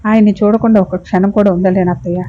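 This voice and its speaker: A woman's voice: mid-range voice, steady tone, quick pace, mellow, lo-fi sound, a little hiss or hum, lightly acted. A woman reading as a pleading young wife. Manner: pleading, tearful.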